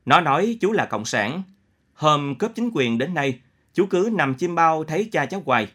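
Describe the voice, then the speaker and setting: A man voicing a bitter one-eyed middle-aged peasant in a read story, with loud, emotional outbursts. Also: fairly high pitch, expressive, normal speed. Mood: overwhelmed.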